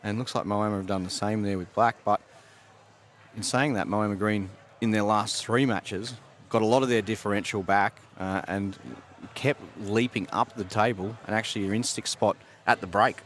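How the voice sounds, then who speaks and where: Lowish Aussie man commentating bowls. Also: steady tone, moderate pace, a bit bright. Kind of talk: live sports commentary.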